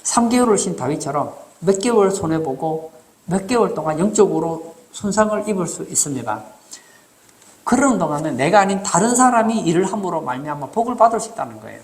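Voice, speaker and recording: A man delivers a sermon from the pulpit in an animated, lively voice that rises and falls widely. He leans on rhetorical questions and acts out short quoted lines for the congregation. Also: high-pitched, fairly quick. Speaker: pastor.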